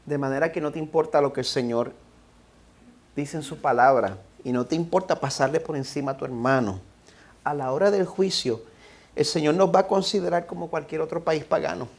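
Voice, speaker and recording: Un pastor con acento puertorriqueño predicando ante su congregación, que lee las Escrituras con énfasis pausado y exhorta directamente a los oyentes. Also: male voice, fairly high pitch. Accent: Puerto Rican Spanish. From Puerto Rico. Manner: reads scripture slowly and emphatically, then exhorts the congregation directly. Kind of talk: sermon. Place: church sanctuary.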